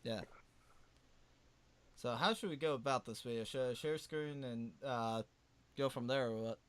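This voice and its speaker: A man's voice: medium pitch, a little slow, clear, resonant tone. A man co-hosting a podcast, chatting casually with blunt, mocking jokes. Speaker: podcast co-host.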